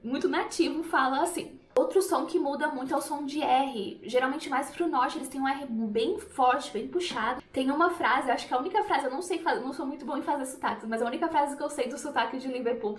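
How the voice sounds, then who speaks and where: A woman's voice: high voice, fairly quick, echoey room. A woman from Brazil, an English teacher, explaining pronunciation in a chatty video lesson and demonstrating example words. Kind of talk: YouTube language lesson.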